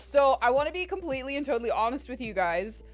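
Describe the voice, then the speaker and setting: A young woman streamer chats casually with her viewers, rambling and swearing freely in a high, sing-song voice that moves fast yet sounds strained and tired. Faint music plays behind her.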